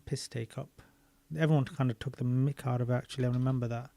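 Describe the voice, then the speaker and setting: A man's voice: medium pitch, little pitch movement, fast, warm tone, dry recording. Give me a man chatting loosely as he reads, with a dry, close sound. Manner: thinking aloud while searching maps and videos, loose and chatty. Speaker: streamer reading a book aloud. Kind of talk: casual reading and commentary.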